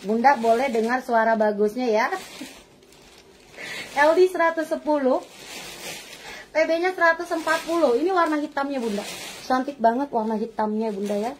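High-voiced woman selling dresses live. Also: normal speed, pauses often, slight background noise. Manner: playful, laughing often, addresses customers as "Bunda". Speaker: online clothing seller. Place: clothing shop.

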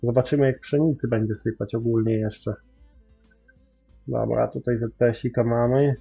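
A man's voice: mid-range voice, steady tone, normal speed, vocal fry, slightly rough, dull audio, soft background music. A man giving rambling, casual commentary while playing a farming game, full of mild swearing fillers. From Poland. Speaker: gaming YouTuber.

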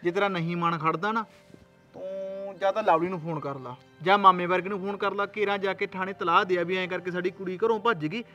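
A man plays a callous son-in-law who brushes everyone off and pushes his own demands. His voice sits high and the words come out quickly. The recording sounds dull and lo-fi. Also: steady tone, sharp tone, soft background music. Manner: dismissive, pushy. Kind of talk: village short film acting.

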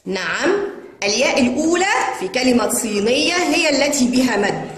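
A woman teaching young children to read, spelling out words in long drawn-out sounds. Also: high-pitched, animated. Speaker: kindergarten Arabic teacher. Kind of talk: children's reading lesson. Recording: echoey room with long reverb and faint noise.

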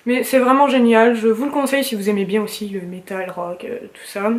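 A young woman chats casually to camera about her favorite things, gushing and full of slang and fillers. Her voice sits a little high. She talks from a room at home. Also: level tone, brisk. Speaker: vlogger.

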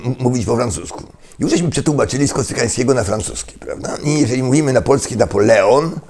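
An older man giving a lecturing monologue, halting with fillers and restarts and tossing in rhetorical questions. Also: mid-range voice, vocal fry, a little mellow. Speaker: political commentator.

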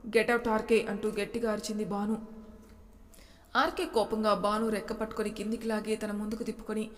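A woman tells a story in a steady, level voice with very little rise and fall. Her words ring out with a long, lingering reverb, as if read in a hall. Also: mid-range voice, a little fast. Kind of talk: storybook narration.

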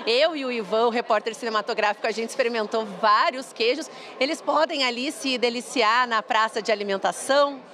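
A woman's voice: on the high side, fairly quick, few pauses, a bit bright. A young woman, reporting live and interviewing at an indoor fair in an upbeat, chatty way. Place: busy indoor food fair. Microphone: handheld reporter mic.

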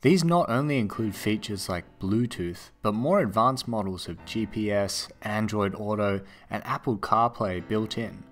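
A man with an Australian accent narrating a scripted voice-over for a build tutorial, in a steady, explanatory way. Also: lowish voice, a little slow, hardly any pauses, soft background music. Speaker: tech video narrator.

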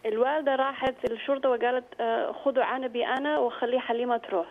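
A woman from the Netherlands is calling in by phone. She has a slightly high voice and speaks quickly between halting searches for words in broken, speech. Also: fairly even intonation, narrow, tinny audio. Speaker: phone-in caller. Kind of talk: casual recounting. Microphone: telephone.

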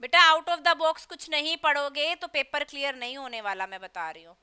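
A woman teaching an English literature class online, quizzing students and pushing them to answer quickly. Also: high-pitched, animated, sharp tone.

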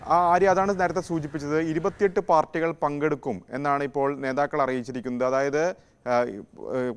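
Smooth-voiced male correspondent reporting live. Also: a little high, moderate pace. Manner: steady explanatory reporting with brief restarts. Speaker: news correspondent.

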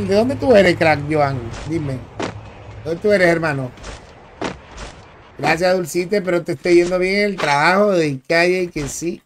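A young Dominican man with a high voice and a slight hiss or hum in the audio is streaming a game. He speaks with a Dominican Spanish accent, chatting casually with his viewers in slang and greeting them by name as he gives live commentary.

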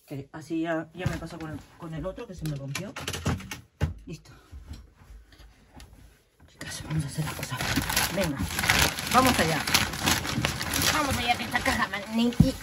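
Vlogger note: a lively woman with a Spanish accent and a slightly low voice, chatting over a laptop mic in her craft room. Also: normal speed, pauses often, very noisy. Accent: Spain. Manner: chatty and animated, often laughing. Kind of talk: casual chat unboxing a gift.

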